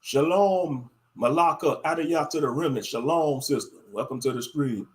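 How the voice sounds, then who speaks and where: Reading viewer comments on his livestream, a Louisiana man chats casually in a colloquial style, often repeating phrases to drive a point home. His voice is fairly high and a little breathy, and he talks at a normal speed. He hails from Louisiana in the United States.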